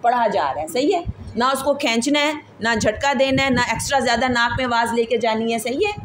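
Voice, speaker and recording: A woman leads a recitation class in a slightly high voice, patient and methodical. She often asks her students questions and repeats herself to make sure they follow. A faint hiss of noise runs under her voice. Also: brisk, a bit bright, poor audio. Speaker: Quran recitation teacher. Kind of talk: classroom lesson.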